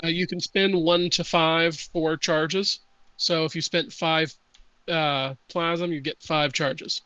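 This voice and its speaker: A man acting as game master, reading out rules and narrating a tabletop game in a slow, measured way with hesitant pauses. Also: a little high, steady tone, bright, forceful tone, clear, resonant tone, dry recording, low-quality recording.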